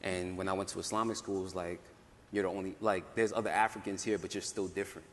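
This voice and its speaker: A young man panelist telling his story in a casual way, full of "like" fillers and quick laughs. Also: sits low, steady tone, fairly bright tone, slight background noise. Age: young adult. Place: conference hall. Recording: roomy hall, faint ambience.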